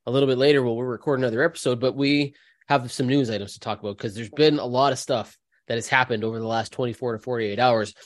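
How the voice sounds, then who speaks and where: A male podcast host talks through the news conversationally. His pitch is in the middle range, and the recording is close and dry. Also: steady tone, quick pace, dry recording. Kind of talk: casual conversational news talk.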